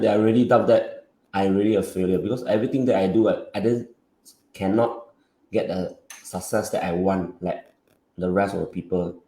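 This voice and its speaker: Hoarse guy hosting a podcast, kinda low and dark voice, echoey room sound. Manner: halting, with many fillers and restarts. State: hoarse from covid. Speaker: podcast host. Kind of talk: casual podcast chat. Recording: roomy echoey recording.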